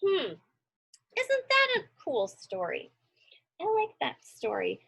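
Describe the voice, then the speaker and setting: A teacher leading a read-along for children reads a storybook aloud and chats with them warmly, often questioning and encouraging them. She speaks slowly in a very high, gravelly, slightly bright voice with huge pitch swings.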